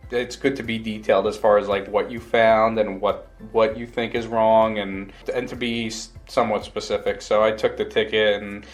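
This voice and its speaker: A man with a lowish voice talks like a plain-spoken mechanic in a casual interview. His delivery is flat and matter-of-fact, with little rise or fall. Faint music plays behind him. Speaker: automotive technician being interviewed. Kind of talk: casual interview, recounting a work day.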